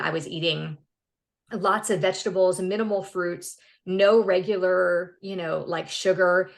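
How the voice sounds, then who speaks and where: Woman in her fifties, podcast guest, earnest and upbeat, somewhat low voice. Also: creaky, a bit bright. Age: 50s. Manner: earnest, upbeat, restarts words often. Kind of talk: casual interview conversation.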